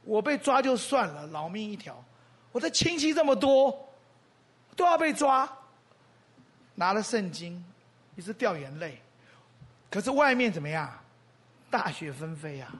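Brief: husky male preacher telling a story from the pulpit, fond of rhetorical questions. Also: sits high, sing-song, unhurried, long pauses, fairly bright tone. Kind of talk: storytelling sermon.

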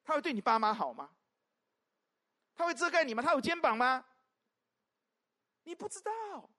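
A pastor preaching a sermon to a congregation, peppering it with rhetorical questions and swinging between loud emphatic calls and soft asides. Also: sits high, normal speed. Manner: animated, constant rhetorical questions to the listeners.

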